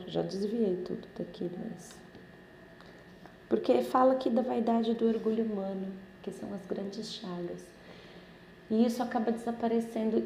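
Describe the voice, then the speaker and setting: Warm-voiced Brazilian woman leading a study group. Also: medium pitch, roomy sound, a little hiss or hum. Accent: Brazilian Portuguese. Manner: chatty, often asks listeners for agreement. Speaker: Spiritist study group leader. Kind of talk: informal religious study talk.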